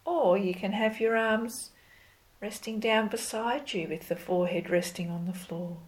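A woman leading a yoga class as instructor, giving calm, gentle, step-by-step cues in an unhurried way. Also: mid-range voice. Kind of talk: slow guided yoga instruction.

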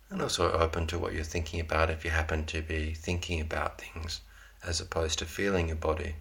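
A man gently guiding a yoga class through a slow, calm relaxation with long pauses. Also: low voice. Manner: slow, soft, unhurried guidance with long pauses. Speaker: yoga teacher.

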